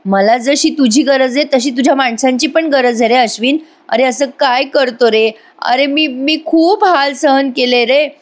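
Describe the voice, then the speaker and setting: A woman's voice: high-pitched, a little slow, few pauses, voice pushed up. A woman voicing a manipulative young woman who cries and pleads, stumbling over repeated words. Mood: tearful pleading.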